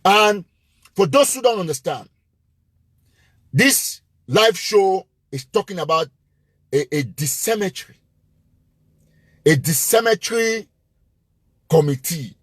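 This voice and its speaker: Husky male host, impassioned and repetitive live address, animated and fairly high-pitched. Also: takes it slowly, long pauses, dry recording, clean studio sound. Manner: emphatic and repetitive, hammering points with rising force. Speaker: live-show host and political commentator.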